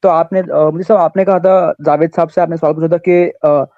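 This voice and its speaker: A man from India calls in to question a scholar, his voice arriving over a dull, lo-fi call line with a dry, close sound. He sits a little high in pitch and argues earnestly, halting and restarting as he hunts for the right words. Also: steady tone, no room sound. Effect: heard over a call line. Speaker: caller.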